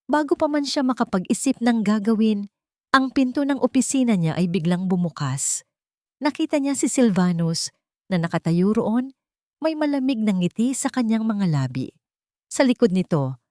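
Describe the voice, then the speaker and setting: A woman narrates a scripted dramatic story in a mid-range, slightly mellow voice. The recording is dry, with clean studio sound.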